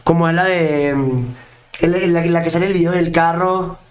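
Venezuelan guy, kinda higher smooth voice, super informal interview chat, lots of slang and cursing. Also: steady tone, normal speed. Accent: Venezuelan Spanish with Mexican slang. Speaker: interview guest, singer and producer. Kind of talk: casual conversational interview.

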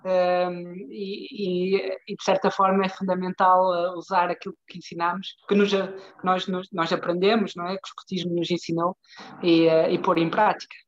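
A woman's voice: fairly low pitch, level tone, moderate pace. A woman with a European Portuguese accent explaining her work in a conversational interview, often searching for words and checking that she is followed. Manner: hesitant, searching for words, frequent checking tags. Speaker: interview guest, development bank professional. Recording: dull, lo-fi call audio.

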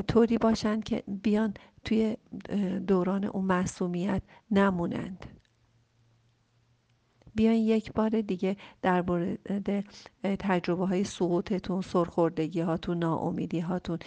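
Woman counselor with a gravelly voice, soft and slow, drifting into whispers, dry close sound. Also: mid-range voice, dry recording. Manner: gentle, repeats key phrases. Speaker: family counselor answering a listener question. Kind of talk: calm advice talk.

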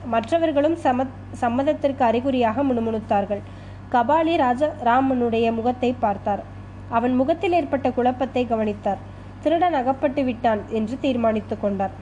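Woman narrator, steady novel reading, slightly high voice, faint hiss in the background. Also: poor audio. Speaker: story narrator. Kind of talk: reading a serialized novel aloud.

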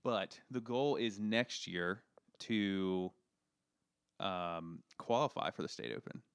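Rambling man with a smooth low voice. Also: slow, no room sound, studio quality. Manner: rambling, filler-heavy, self-deprecating. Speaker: podcast co-host. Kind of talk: casual chat.

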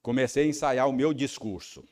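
Preaching briskly in a medium-pitched, a little mellow voice, a man with a Brazilian Portuguese accent, a pastor, tells a personal story. He leans on tag questions and acts out his own angry rehearsal.

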